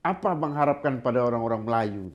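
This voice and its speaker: Measured male interviewer. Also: mid-range voice, lively intonation, highs cut off. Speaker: interviewer host. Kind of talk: casual conversational interview.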